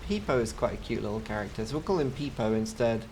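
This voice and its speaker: A man's voice: lowish voice, expressive, quick pace, a little mellow, a little hiss or hum. Chatty English man casting a strategy game. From England. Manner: chatty, joking asides. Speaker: game caster. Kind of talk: video game commentary.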